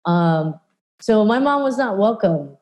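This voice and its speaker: A woman from California, USA, talks earnestly in a conversational panel discussion, her mid-range voice animated and a little mellow. She speaks slowly, with plenty of fillers and restarts.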